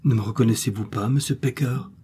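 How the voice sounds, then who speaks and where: A man's voice: medium pitch, brisk, warm tone, husky. A man voicing a passionate young woman who begs and implores in a storybook reading. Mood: gentle. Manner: imploring, pleading.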